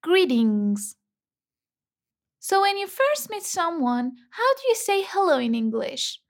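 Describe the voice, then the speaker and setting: High-voiced teacher. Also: female voice, big pitch swings. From Iran. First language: Persian. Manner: slow, careful model phrases for repetition. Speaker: English teacher and host. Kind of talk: scripted language lesson.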